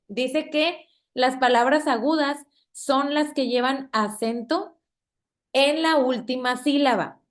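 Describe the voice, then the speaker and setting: A slow, patient woman teacher speaking Mexican Spanish in a high voice covers spelling and stress in a classroom with a projector screen, constantly checking in with "¿ok?".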